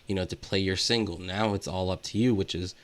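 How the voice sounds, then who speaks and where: Deep-voiced and fairly quick, with fairly even intonation, this man co-hosts a podcast about music. He talks casually, rambling and hesitating, with "like" filling every gap.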